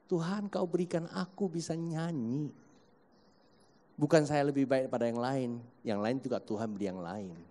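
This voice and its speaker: A man's voice: medium pitch, warm tone. A male preacher giving a sermon into a handheld mic, talking straight to his congregation and slipping into acted everyday quotes. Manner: addresses the congregation directly and acts out everyday quotes. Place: church. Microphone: handheld microphone. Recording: echoey church hall.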